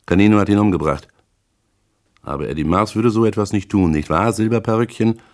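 A man with a very deep, low voice narrates a hard-boiled crime story in the first person. His reading is measured and deliberate, paced like a scripted audiobook.

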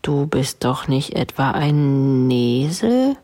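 A woman's voice: rumbling low, sing-song, slow, mellow, full character voice. A woman doing a grumpy contrary dog. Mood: sulky. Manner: dismissive, sulky.

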